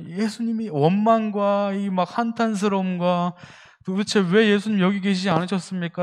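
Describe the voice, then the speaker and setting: A young man preaching a youth sermon in a church hall, engaging the congregation with questions. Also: high-pitched. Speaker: youth pastor.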